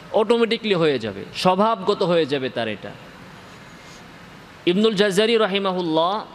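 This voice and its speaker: A man's voice: on the high side, a bit bright, a little hiss or hum. A man teaching a tajweed pronunciation lesson in Bengali, repeating points and stressing key words. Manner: explains with repetition and rising emphasis. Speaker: Quran recitation teacher.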